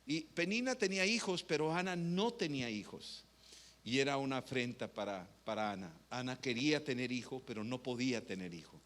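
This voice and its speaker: A man's voice: medium pitch, brisk, fairly bright tone. A man preaching a sermon in a conversational way, often asking rhetorical questions.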